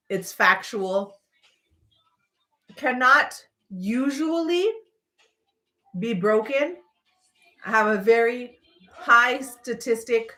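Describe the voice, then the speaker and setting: A woman hosting a casual livestream, telling personal stories in an animated, playful, rambling way with emphatic points. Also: a little high, low-quality recording. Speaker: livestream host.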